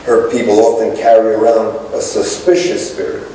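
Speaking at a normal speed in a lowish, mellow voice with a level tone, a middle-aged pastor delivers a sermon, gesturing and calling out to the congregation. Filmed from the back of the sanctuary through a pulpit microphone, the recording is echoey and distant with slight background noise.

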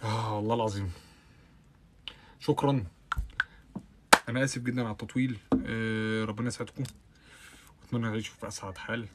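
A young man with an Egyptian Arabic accent, hosting a casual live stream, chatting with viewers and answering their comments, with bursts of loud laughter. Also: fairly even intonation, very noisy. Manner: rapid chatty talk with frequent oaths and bursts of loud high laughter.

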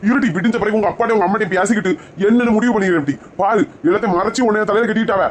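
A man's voice: high voice, very fast, slight background noise. A man with a Kanyakumari Tamil accent playing a quarrelsome husband in a comic skit, scolding and arguing. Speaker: comedy skit actor.

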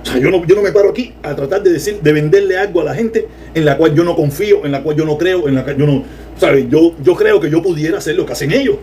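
A Cuban man with a Cuban Spanish accent, giving sarcastic, animated political commentary on a livestream and reading viewer comments. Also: a little high, quick pace, slight background noise. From Cuba.

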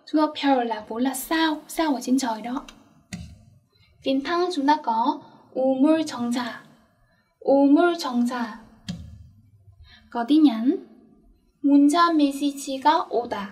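High-voiced woman teaching a language lesson. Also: darkish tone, distant mic. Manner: repeats words slowly for learners, checks with questions.

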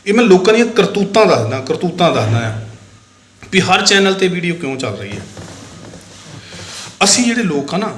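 A man's voice: high voice, big pitch swings, moderate pace, pauses often, reverberant, slight background noise. A man giving casual commentary on viral videos to his viewers, talking straight to them and repeating his points. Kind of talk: casual Punjabi commentary vlog. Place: indoor room in Bahrain.

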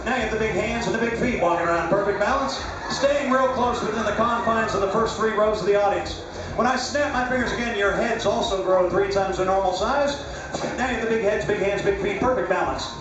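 A middle-aged man working as a stage hypnotist, giving commanding, deliberate, repeated instructions in a live show. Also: sits high, far from the mic, dull audio. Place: large dark theatre, recorded from audience seats. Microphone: handheld stage mic through speakers, picked up by distant camera. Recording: very echoey, noisy crowded theatre from the audience. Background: loud crowd and noise.

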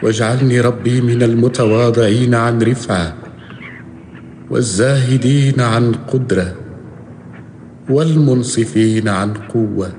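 A man's voice: mid-range voice, a little slow, pauses often, darkish tone, slight background noise, lightly acted. An actor playing a devout, humble solitary holy man in a radio drama, praying solemnly and reverently. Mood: humble supplication. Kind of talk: radio drama acting, formal supplication.

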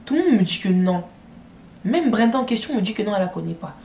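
A woman's voice: mid-range voice, quick pace, a little hiss or hum. A young woman vlogger retelling a drama in a casual, slangy storytime, talking straight to her viewers. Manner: slangy, addresses viewers directly, animated retelling. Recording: roomy echo.

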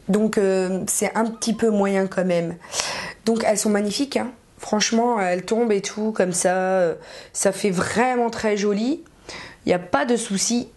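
A woman's voice: mid-range voice, a little mellow. A young woman casually reviewing cheap earrings in a chatty, frank way, full of fillers and slang. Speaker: beauty vlogger.

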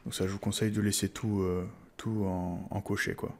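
A man's voice: fairly low pitch, flat delivery, moderate pace, a little mellow. A man with a French accent explaining a tech install in a casual tutorial, hesitant, with many fillers and restarts. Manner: hesitant, many "euh" fillers and repeated words. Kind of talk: casual screen-recorded tutorial.

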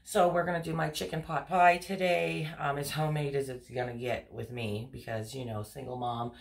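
Cooking at home, a woman in her thirties gives a loose cook-along chat, filled with ums and little apologies. Her voice is rumbling low, steady and at normal speed, picked up by a camera pointed down at the stove amid frying sizzle and stirring.

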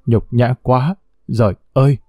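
A harsh, contemptuous middle-aged mother, put on by a man reading a story aloud, scolding. The voice is dark and mellow. The recording is close and dry. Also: mid-range voice, steady tone, unhurried, no echo, soft background music, natural voice.

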